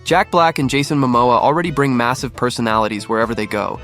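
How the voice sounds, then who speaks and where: A male narrator reads a scripted comedy compilation quickly, keeping an even, upbeat storytelling tone. His pitch is middling, and a faint music bed runs beneath him.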